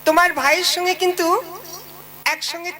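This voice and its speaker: A man's voice: very high-pitched, level tone, brisk, sharp tone, voice pushed up, heavily acted. A man voicing a nagging, bossy young wife in a comic sketch, with a scolding, stubborn manner. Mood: demanding.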